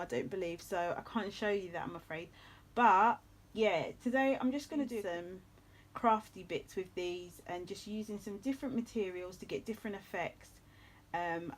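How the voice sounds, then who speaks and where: A woman hosting a casual home craft tutorial, chatty and rambling, with many ums as she works at her craft table. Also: mid-range voice. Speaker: craft channel host.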